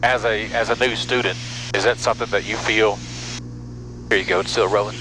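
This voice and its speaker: Brisk and steady, with a voice on the low side, a middle-aged American pilot and vlog host chats casually while flying. He talks through an aviation headset mic in a small propeller plane's cockpit. Loud engine hum and headset intercom sound run through the clip.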